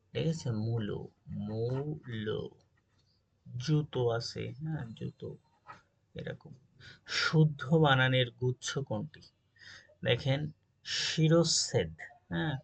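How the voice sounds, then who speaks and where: A man's voice: medium pitch, creaky, low-quality recording. A man teaching an exam-prep grammar lesson, reading out word lists and often checking in with his listeners. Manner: reads word lists, checks in with "ঠিক আছে?".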